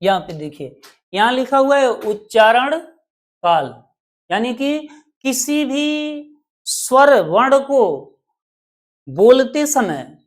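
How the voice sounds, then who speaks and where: A woman teaching a Hindi grammar lesson for exam preparation, explaining slowly and repeating points with questions to her viewers. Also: high voice.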